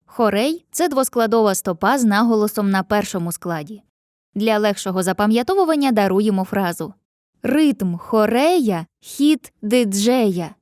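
A woman's voice: mid-range voice, animated, a little mellow, no room sound. Woman narrating a lesson, dry sound. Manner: clear, addresses the viewer directly, chants rhymes slowly. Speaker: teacher. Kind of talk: scripted educational narration.

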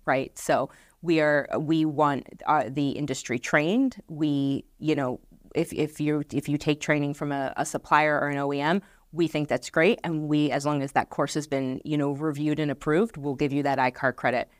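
A woman's voice: low-pitched, fairly even intonation, moderate pace, dry recording. A middle-aged woman answering questions as a guest in a studio interview, earnest and full of fillers and restarts. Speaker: marketing director guest. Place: podcast studio set.

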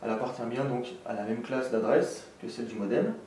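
A man presents a technical tutorial step by step in a methodical, instructional way, speaking fairly quickly in a medium-pitched, darkish voice. He's in an indoor room with a desk and green backdrop, recorded with a distant mic in an echoey room with faint noise.

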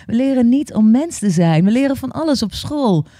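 Woman yoga teacher as podcast guest; earnest, halting, repeats words; warm and dry. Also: fairly high pitch, expressive, dry recording. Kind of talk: open conversational interview.

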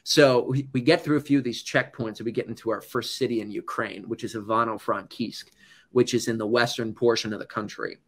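A man's voice: mid-range voice, fairly even intonation, a little fast. A man from the United States who works as a news correspondent, telling stories to an audience in a loose, conversational way full of "like" and "you know.". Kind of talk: casual storytelling talk to an audience.

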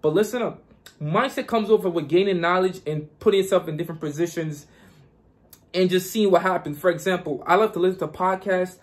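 Young Guyana-born guy, high voice, pumped-up repetitive money-advice vlogger. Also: a little fast. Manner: repetitive, hyped, preachy. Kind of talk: casual motivational vlog.

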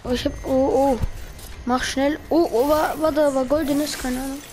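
High-voiced slangy gaming streamer woman. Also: moderate pace, slight background noise, low-quality recording. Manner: slangy, swears at teammates, excitable bursts. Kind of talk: live gameplay commentary.

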